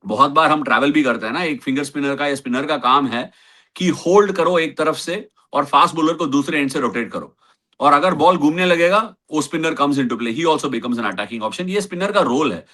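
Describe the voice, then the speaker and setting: Indian man, cricket host, bright clear voice, playful banter. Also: fairly high pitch, normal speed. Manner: mixes Hindi and English, playful teasing. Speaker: cricket show host and former Test player. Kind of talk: casual cricket chat.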